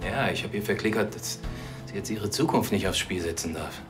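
A man's voice: on the low side, brisk, over music, natural voice. A man playing a protective father under questioning, defensive, terse and aggrieved.

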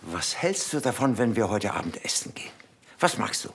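An actor playing a bumbling, pompous police chief in a crime comedy, talking in an awkwardly overbearing way. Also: male voice, lowish voice, sing-song, moderate pace, gravelly. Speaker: police detective. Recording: noisy TV soundtrack.

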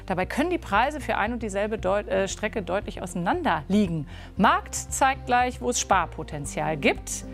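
A woman's voice: medium pitch, very animated, normal speed, creaky, few pauses, faint music behind. A woman presenting regional evening news and the weather forecast from a studio.

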